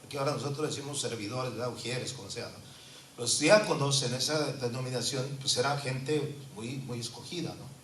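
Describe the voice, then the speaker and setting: Man, 50s, pastor giving an earnest sermon, bright voice, heard from afar in a reverberant church. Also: medium pitch, normal speed, distant mic. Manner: earnest preaching, frequent tag questions. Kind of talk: sermon with personal testimony. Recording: echoey church from afar, faint noise.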